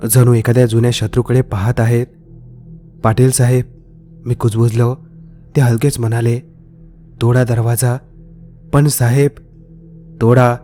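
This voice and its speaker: A man's voice: mid-range voice, dark tone. A man telling a first-person horror story in a tense, dramatic storytelling manner. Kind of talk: scripted horror narration. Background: faint background music.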